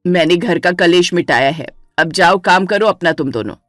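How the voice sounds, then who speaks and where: A woman voicing a stern, commanding older mother-in-law in a dramatized story, scolding in a lower voice. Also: lively intonation, normal speed, dry recording, studio quality, faint music behind, natural voice. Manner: scolding and authoritative.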